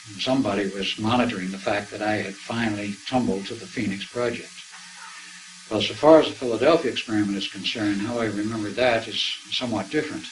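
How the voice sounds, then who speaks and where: A man's voice: lowish voice, slight background noise, poor audio. An older man recounting personal experiences in a rambling, conversational way, acting out the dialogue as he goes. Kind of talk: anecdotal storytelling.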